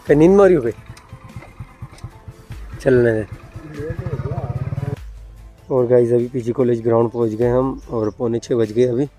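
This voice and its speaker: A young adult vlogger narrates his daily life casually, holding a phone at arm's length as he moves outdoors through farm fields and streets. His mid-range voice is warm and a little slow, with frequent pauses and faint music behind him.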